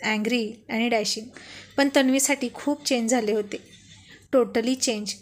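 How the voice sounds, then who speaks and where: A woman storyteller narrating a serial love story in an expressive, chatty manner. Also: fairly high pitch, unhurried.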